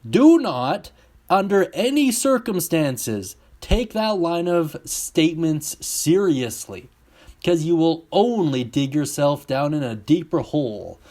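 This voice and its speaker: A man's voice: fairly high pitch, very animated, slow, a little mellow. A man coaching car salespeople in a blunt, emphatic instructional talk.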